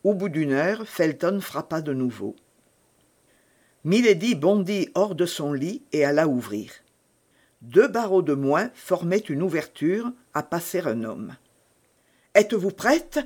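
A man narrating a classic novel in a slow, measured way, building drama. His voice sits a little higher than most men's. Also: sing-song, darkish tone.

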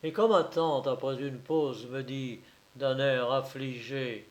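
A man narrating a story in a measured, theatrical audiobook reading. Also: medium pitch.

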